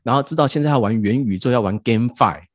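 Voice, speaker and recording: A man's voice: medium pitch, quick pace, dry recording, clean studio sound. A man telling a funny story in casual podcast chat, laughing and acting out the quotes. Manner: animated, laughing, acts out quotes. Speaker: podcast host.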